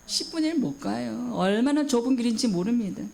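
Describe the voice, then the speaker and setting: High-voiced woman pastor preaching. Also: animated, a little fast, creaky, darkish tone. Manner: emphatic, questions the congregation and acts out quoted voices. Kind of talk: sermon.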